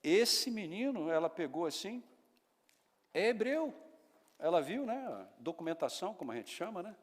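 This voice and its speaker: A Brazilian pastor preaching with a folksy storyteller's flair, often checking in with his listeners. His voice sits high for a man and swings widely in pitch. The hall around him adds a long, ringing echo. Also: normal speed. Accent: Brazilian Portuguese. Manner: folksy, animated storytelling with many tag questions. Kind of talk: sermon. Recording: echoey hall.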